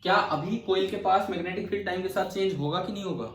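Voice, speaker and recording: A man's voice: high-pitched, fast, a bit bright, slight background noise. A male physics teacher lecturing a class, explaining step by step and firing questions at his students. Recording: echoey room, from far off.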